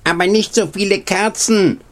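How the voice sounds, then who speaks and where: A man's voice: high-pitched, fairly even intonation, moderate pace, pitched above the performer's own voice, natural voice. A man playing a hooting, dreamy owl. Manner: hooting, wistful. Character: owl who wants dim cozy light.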